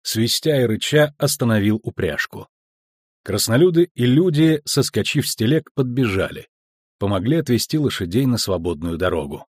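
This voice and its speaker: A man narrating an audiobook in an expressive, measured storytelling manner. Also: medium pitch, slightly rough, no room sound. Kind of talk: audiobook reading.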